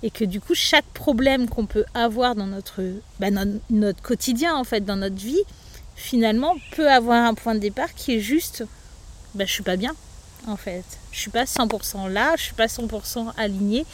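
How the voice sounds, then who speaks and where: A woman's voice: a little high, normal speed. A woman, a yoga teacher, talking as a guest in a casual podcast interview, loose and chatty with lots of fillers.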